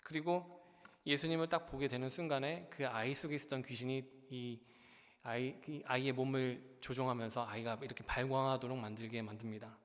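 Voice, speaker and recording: A man's voice: medium pitch, fairly even intonation, brisk. A young man preaching a sermon as junior pastor, earnest, often turning to the congregation and building to emphatic peaks. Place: church sanctuary. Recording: long church hall reverb.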